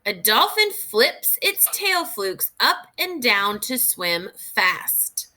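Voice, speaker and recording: Her voice slightly high, a woman reads aloud with expressive, instructive delivery like a teacher with young children, pausing over questions to think them through.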